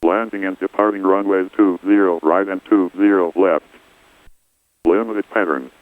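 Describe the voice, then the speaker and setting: A man's voice reciting an airport weather broadcast in a measured, even way, heard over an aircraft radio. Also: deep voice, no room sound. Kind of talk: recorded airport information readout. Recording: tinny dry radio transmission.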